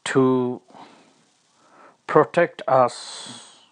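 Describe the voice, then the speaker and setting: A man delivering a comic, mock-tearful monologue, lamenting over the top and repeating himself in halting bursts. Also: medium pitch, fairly even intonation.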